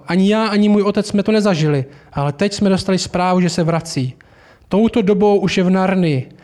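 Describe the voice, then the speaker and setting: A man's voice: high voice, a little mellow, lightly acted. A man reading aloud as a proud, eager male beaver in a children's fantasy story.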